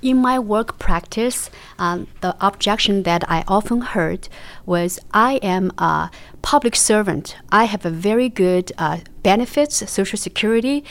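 A woman's voice: mid-range voice, moderate pace. A woman works as an interpreter, giving an English translation voice-over after each Chinese passage. She speaks hesitantly, with frequent filler sounds as she renders the answers. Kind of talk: consecutive interpretation.

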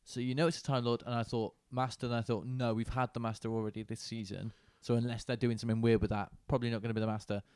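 A man's voice: medium pitch, level tone, fast talker, few pauses, darkish tone, clear, resonant tone, dry recording, clean studio sound. A man co-hosting a podcast in casual chat, thinking aloud and asking questions. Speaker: podcast co-host.

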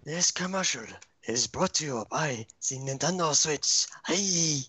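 A man's voice: on the high side, expressive, a little slow, pushed and bright, slightly rough, dry recording, full character voice. A man putting on a mock commercial announcer voice for a podcast blooper.

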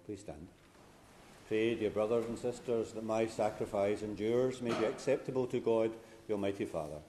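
Low-voiced priest reciting solemn prayers. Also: male voice, normal speed, warm tone, slight background noise. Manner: solemn, formal. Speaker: priest celebrating a funeral Mass. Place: church.

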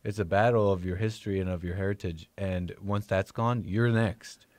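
A man's voice: low-pitched, fairly even intonation, moderate pace, darkish tone, no echo. A man chatting on a talk show panel, offering rambling, hedging commentary. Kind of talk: casual talk show chat.

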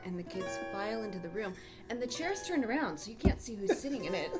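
A woman's voice: mid-range voice, sing-song, fast talker, loud music behind the voice. Giggly woman telling a comic story. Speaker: podcast co-host.

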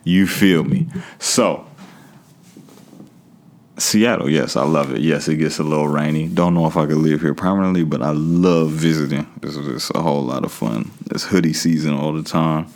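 Man, extremely low-pitched voice, casual podcast host, slangy, conversational solo talk. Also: normal speed, a little mellow.

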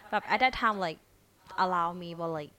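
A woman with a Thai accent chatting on a podcast, halting and stammering in English and mixing in Thai. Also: lowish voice, pushed and bright.

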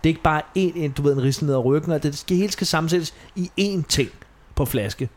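A man hosting a podcast, chatting casually and retelling scenes with quoted lines and frequent laughs. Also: fairly high pitch. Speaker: podcast host. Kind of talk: casual chat recapping a TV show.

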